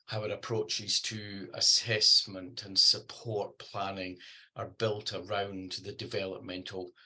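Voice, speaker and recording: A man with a Scottish accent giving a presentation over a video call, pausing often with ums and restarting sentences. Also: on the low side, bright, forceful tone, husky. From Scotland. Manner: hesitant, many ums and restarts. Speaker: guest speaker. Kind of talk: online presentation talk.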